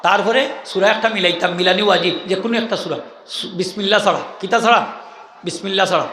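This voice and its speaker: Sylheti preacher with a high, bright voice. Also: male voice, fast talker, a little hiss or hum. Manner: animated, questions the crowd and drills call-and-response. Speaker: Islamic preacher. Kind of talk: sermon to a live gathering. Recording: echoey hall with faint ambience.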